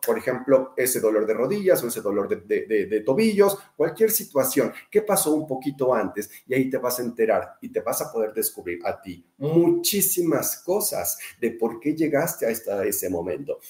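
A biodecoding speaker with a Mexican Spanish accent addresses an online audience in a mid-range, darkish voice, very animated and at normal speed with hardly any pauses. He is emphatic, reeling off phrases in repeated runs and posing questions he then answers himself. The room sounds echoey.

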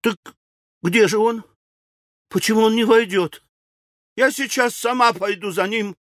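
A male audiobook reader voicing a fussy, anxious older widow who talks in a shrill, excitable way. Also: measured pace, dry recording, clean studio sound. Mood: agitated. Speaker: audiobook character. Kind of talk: audiobook character reading.

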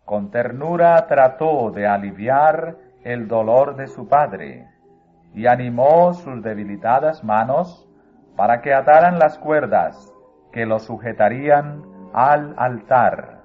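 A man reading a religious book aloud as narrator, in a solemn, measured way. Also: medium pitch, animated. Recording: phone-like narrow sound, faint music.

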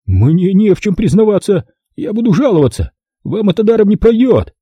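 A man voicing a blustering, frightened male photographer caught by detectives, speaking high and strained. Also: big pitch swings, moderate pace, mellow, husky, dry recording, full character voice. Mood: indignant. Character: panicky indignant middle-aged male photographer.

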